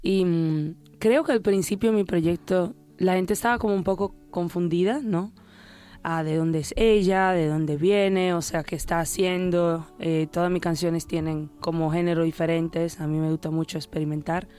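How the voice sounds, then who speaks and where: A woman's voice: on the low side, steady tone, normal speed, warm tone, clean tone, faint music behind. A woman in her twenties from the Dominican Republic, raised in Italy, chatting casually as a singer in an interview, laughing often and sometimes searching for words. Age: 20s.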